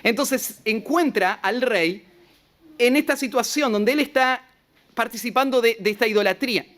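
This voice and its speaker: A man's voice: very high-pitched, moderate pace, a bit bright. A man with a Rioplatense Argentine accent, preaching an expository sermon as pastor, retelling scripture with rhetorical asides and often repeating short words. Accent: Rioplatense Argentine Spanish.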